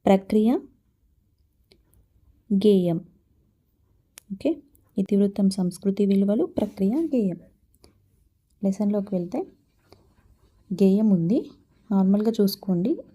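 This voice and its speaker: A woman's voice: medium pitch, expressive, takes it slowly, long pauses, dark tone. A woman explaining a school textbook lesson, asking questions and answering them herself. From Telangana. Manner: asks and answers her own questions. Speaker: teacher.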